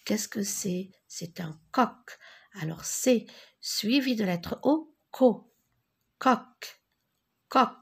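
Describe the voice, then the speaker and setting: Slow, deliberate woman teaching reading. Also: mid-range voice, gravelly, slightly rough. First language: Arabic. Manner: slow, carefully articulated, spells letters and syllables. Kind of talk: French reading lesson for beginners.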